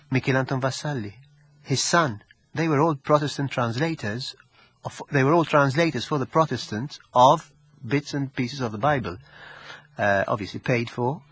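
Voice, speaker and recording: A man with a Maltese accent discusses his research in an interview. His voice is middling in pitch and somewhat husky, recorded dry. He explains in a scholarly way, often stopping to repeat or rephrase a word. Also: a bit bright, no echo. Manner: halting, repeating and rephrasing words.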